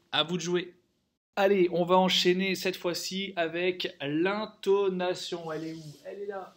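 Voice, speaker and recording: A man's voice: a little high, fairly bright tone. A man teaching a music theory lesson, counting rhythms aloud, singing note names and checking in often with the class.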